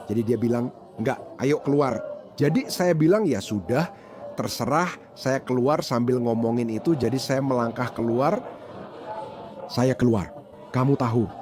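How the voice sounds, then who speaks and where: A man dubbing a bystander who excitedly recounts a fight to police in casual slang. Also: medium pitch, close to an everyday voice. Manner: agitated, animated retelling with slang. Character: agitated man recounting a brawl. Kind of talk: dubbed bodycam account.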